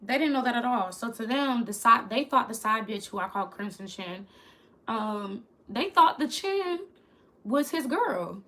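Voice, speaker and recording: A young woman chats candidly with her viewers in a casual storytime vlog, calling them "y'all." Her voice is on the high side, crackly and sharp-toned, expressive and a little slow.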